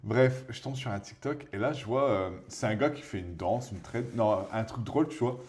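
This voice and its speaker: Speaking at normal speed in a fairly low voice, a thirty-something man co-hosts a podcast while painting. He keeps things casual, lively and jokey, telling animated stories.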